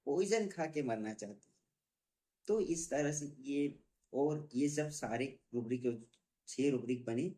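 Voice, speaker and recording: A man, a homeopathy doctor, explaining a patient case in a teaching talk and slowly repeating technical terms. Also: medium pitch, warm tone.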